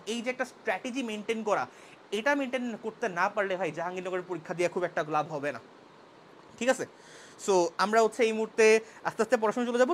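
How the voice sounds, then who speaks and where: Young guy teaching an online class, talks super fast, with english mixed in, little bit of background hiss. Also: high-pitched, a bit bright. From Bangladesh. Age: young adult. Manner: brisk, mixes English words into Bengali. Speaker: university admission tutor.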